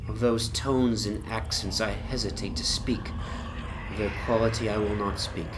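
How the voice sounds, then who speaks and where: A man with a somewhat low voice reads a dramatic Gothic horror piece as an obsessed, morbid gentleman recounting his haunted past. His phrasing is deliberate, often sinking into breathy whispers, with a mood of hushed unease. An atmospheric horror soundscape plays behind him.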